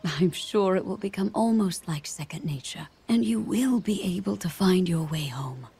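An actress playing a gentle, perceptive queen in a video game, speaking in a measured, gracious, soft-spoken way. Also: fairly low pitch, animated, gravelly, breathy edge, exaggerated voice. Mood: calm, caring. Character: gentle, perceptive queen with time powers, serene adult. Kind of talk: video game cutscene acting. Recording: music behind the voice.

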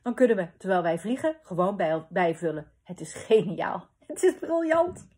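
A woman voicing an excitable, boastful inventor father who talks loudly and bouncily, brushing off doubts. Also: medium pitch, normal speed, husky. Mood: eager.

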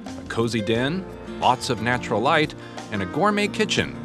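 A man's voice: medium pitch, very animated. Polished male TV host narrating. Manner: smooth, measured presenter delivery. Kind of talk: scripted documentary narration. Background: background music under the voice-over.

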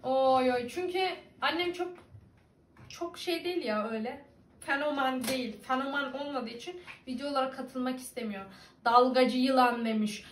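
A woman's voice: high-pitched, moderate pace, slight background noise. A young woman from İzmir with an Aegean Turkish accent, casually reading and teasing back at viewer comments, laughing often. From İzmir, Turkey. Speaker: vlogger. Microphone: computer webcam. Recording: echoey room.

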